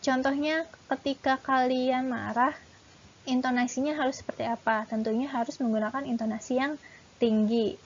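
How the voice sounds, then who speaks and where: A woman's voice: high voice, steady tone, moderate pace, dull audio. A woman teacher giving a lesson, listing points one by one with a few fillers. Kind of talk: classroom lesson talk.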